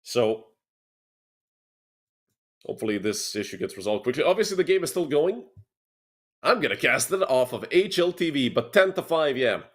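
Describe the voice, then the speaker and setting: Pitch swinging widely around a medium range, this young caster from Serbia talks at a moderate pace and pauses often. He handles solo play-by-play of an esports match, talking to viewers in the gaps between plays.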